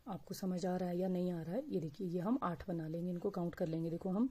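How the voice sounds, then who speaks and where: A woman teaching crochet step by step, speaking slowly and patiently and counting stitches aloud. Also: lowish voice, fairly even intonation, warm tone, breathy edge. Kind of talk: step-by-step crafting tutorial.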